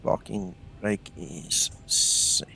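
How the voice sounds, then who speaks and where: A man's voice: sits low, extremely slow, vocal fry, bright, forceful tone, a little hiss or hum. A man streaming a flight simulator, chatting casually with viewers and thanking them often. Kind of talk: casual live-stream chat.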